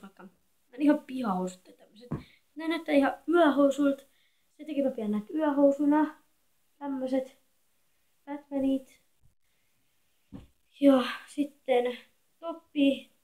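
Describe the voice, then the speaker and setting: Soft-spoken young teen girl vlogging. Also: high-pitched. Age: 13-year-old girl. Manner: quiet, soft-spoken, rambling and chatty. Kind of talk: casual home vlog. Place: echoey bedroom at home. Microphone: phone camera.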